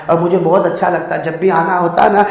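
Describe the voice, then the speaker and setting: High-voiced preacher man in an echoing mosque. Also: creaky. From India. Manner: animated, swinging between shouted exhortation and hushed storytelling; jokes and calls on the congregation to answer aloud. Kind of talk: mosque sermon with humorous stories. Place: mosque hall. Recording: echoey long reverb of a mosque hall.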